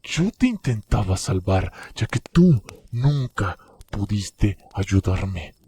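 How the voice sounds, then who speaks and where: A man voicing a delirious, bitter young man who accuses his brother in halting, repeated phrases, breaking into breathy harsh whispers, in a dramatic horror story. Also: lowish voice, big pitch swings, mellow, slight background noise. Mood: bitter, accusing.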